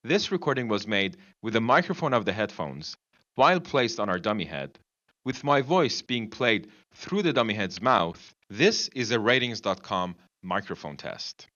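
A man's voice: fairly low pitch, big pitch swings, moderate pace, bright, forceful tone, highs cut off. Man's voice replayed through a headset mic. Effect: voice played from a dummy head's mouth speaker, recorded through a headset mic. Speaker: headphone reviewer. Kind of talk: scripted microphone test reading.

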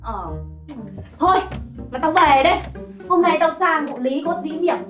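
A brash, gossipy landlord's wife in a slapstick comedy. Her high voice is blunt and coarse. It rings in an echoey room with light music under it. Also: measured pace. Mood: indignant gossiping. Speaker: comic lead.

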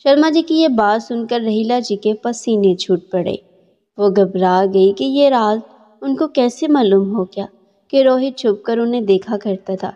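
A woman narrator telling a serialized story at a steady pace. Her voice sits fairly high with a mellow, soft tone, and the dull lo-fi recording carries a long reverb tail.

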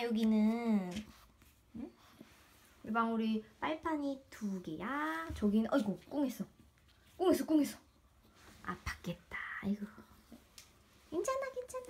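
A woman's voice: on the high side, a little hiss or hum. A young woman in her twenties vlogging in casual chat, playful and sing-song as she coos at her dog. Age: 20s.

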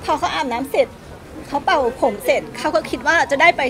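A woman in her thirties speaks with a high, earnest voice. She explains her side at length in an interview. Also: a little fast, crowd noise. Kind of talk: emotional interview.

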